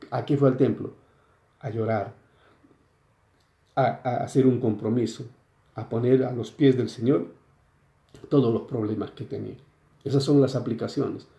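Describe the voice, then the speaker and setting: Male pastor, sermon, deep mellow gravelly voice, questioning listeners as he teaches, echoey church room. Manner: explains scripture with frequent rhetorical questions. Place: church sanctuary.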